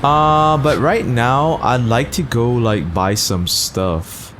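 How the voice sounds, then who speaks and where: A man's voice: medium pitch, slow pace, a bit bright. A man hosting a casual let's play, commenting on the game in a slangy, profane way. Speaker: gaming video host. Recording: noisy game sound behind.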